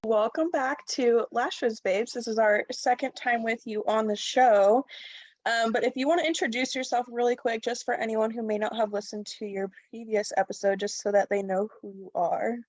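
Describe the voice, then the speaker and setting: A woman's voice: fairly high pitch, fairly even intonation, moderate pace. Bubbly, upbeat woman podcast host. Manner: bubbly, upbeat, filler-heavy with "like" and "um". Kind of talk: casual podcast chat.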